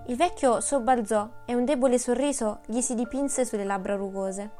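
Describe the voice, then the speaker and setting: A woman narrating an audiobook in a steady, measured storytelling manner. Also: fairly high pitch, faint music behind.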